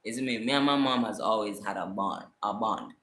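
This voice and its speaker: A young man in his twenties with a Jamaican accent, telling a personal story in a casual livestream, animated and emphatic, often asking "you see me?". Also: fairly low pitch, fairly quick, a little hiss or hum. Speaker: vlogger. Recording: echoey room.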